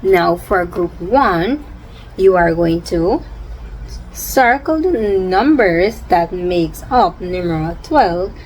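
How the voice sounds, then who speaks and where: A woman teacher giving deliberate, formal instructions to young pupils, with some background noise. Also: medium pitch, a little mellow, rough recording. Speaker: early childhood teacher.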